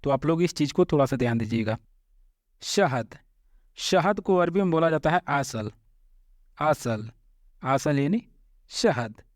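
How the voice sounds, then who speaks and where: Man, young adult, language teacher, patient repetition, slightly high voice, dry close mic. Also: lively intonation, no room sound. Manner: repeats each word slowly and clearly. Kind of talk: vocabulary lesson.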